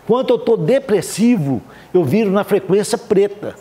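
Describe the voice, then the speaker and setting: A man with a Brazilian Portuguese accent leads a seminar in front of a live audience. His voice sits fairly high for a man. He explains ideas patiently and keeps stopping to check that his listeners are following. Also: sing-song, normal speed, dark tone. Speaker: spiritist lecturer.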